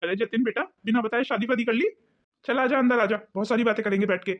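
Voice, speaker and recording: A woman's voice: fairly high pitch, fairly even intonation, fast, natural voice. Pompous uncle voiced by a woman, bossy and teasing, muffled recording. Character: pompous middle-aged uncle, brother of the mother-in-law.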